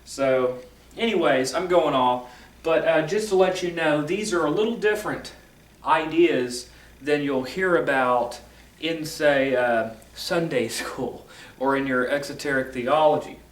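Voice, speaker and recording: A man explaining esoteric teachings in a casual, rambling lecture, correcting himself often and filling pauses with ums and uhs. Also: a little high, echoey room, far from the mic, rough recording. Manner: rambling, self-correcting, filler-heavy.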